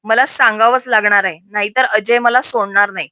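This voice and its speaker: A woman's voice: mid-range voice, fairly even intonation, a little fast, sharp tone, smooth, no room sound, close to an everyday voice. A woman voicing a nervous young married woman who speaks hesitantly about trouble at home. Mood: worried.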